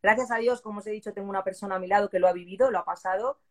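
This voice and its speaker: A woman's voice: mid-range voice, racing. Emotional woman in her forties. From southern Spain. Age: 40s. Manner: animated, moved, voicing people in her story. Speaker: interviewee, police exam candidate. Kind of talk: emotional personal storytelling.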